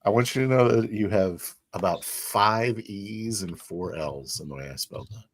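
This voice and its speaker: A man's voice: lowish voice, moderate pace, no room sound. A man chatting casually and joking around while making characters for a tabletop game.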